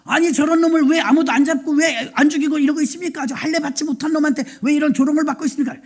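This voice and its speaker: A woman's voice: high voice, expressive, normal speed. A woman pastor voicing an earnest young shepherd boy who pleads respectfully during a sermon.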